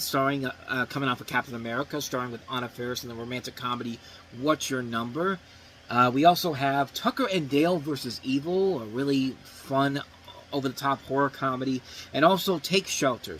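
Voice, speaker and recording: A man's voice: mid-range voice, fairly bright tone, slight background noise, low-quality recording. A man hosting a movie review show, talking casually and rambling a bit.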